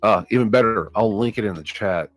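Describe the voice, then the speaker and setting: A man hosting a live stream, chatting casually with friends on voice chat and filling pauses with ums. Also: lowish voice, no room sound, soft background music. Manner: relaxed, many filler ums. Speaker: streamer painting miniatures.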